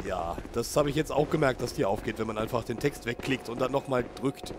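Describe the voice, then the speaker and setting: This let's play commentary comes from a man with a medium-pitched voice, talking fairly quickly with background noise around him. He has a slight cold and a sniffle as he chats casually with viewers and reacts aloud to his gameplay.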